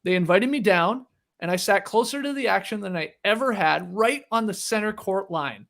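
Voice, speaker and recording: A man's voice: high voice, lively intonation, normal speed, gravelly, fairly bright tone. A man hosting a podcast, reading a listener email aloud and then chatting casually with fillers. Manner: reads steadily, then chats with filler words.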